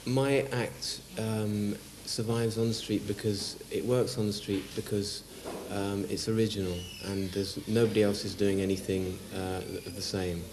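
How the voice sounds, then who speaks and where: A man speaks in a very deep, flat voice, calm and hesitant, filling his pauses with ums and uhs. He is picked up from a distance in a roomy, echoey space. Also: noisy background. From France, raised in England. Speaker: street performer interviewed. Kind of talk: TV interview. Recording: roomy echo, distant mic.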